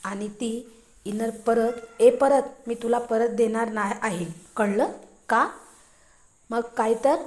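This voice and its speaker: A woman's voice: fairly high pitch, darkish tone. Woman playing a teasing young man.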